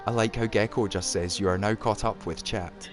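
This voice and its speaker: A man from Edinburgh with a soft Scottish accent, hosting a casual livestream chat. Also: fairly low pitch, moderate pace, over music. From Edinburgh, Scotland. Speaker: livestream host.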